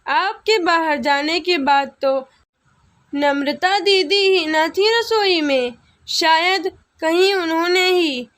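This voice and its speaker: A woman voicing a sly, greedy young daughter-in-law in a storybook tale, with a very high, slow voice. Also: fairly bright tone, exaggerated voice. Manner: sly, scheming.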